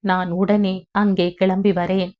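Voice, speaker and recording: Older mother figure, tearful and pleading, read by a woman narrator, lifted pitch, slightly muffled audio. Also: level tone, takes it slowly, natural voice. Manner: tearful, pleading, breathless rush of words. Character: ailing elderly mother-in-law, pleading and tearful.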